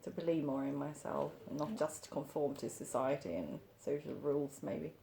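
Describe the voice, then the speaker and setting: A woman's voice: sits low, moderate pace, gravelly, mellow, a little hiss or hum. Hesitant, thoughtful Swedish-raised woman. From Sweden. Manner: thoughtful, hesitant, with frequent ums and light laughs. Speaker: artist, interview guest. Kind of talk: casual interview answers.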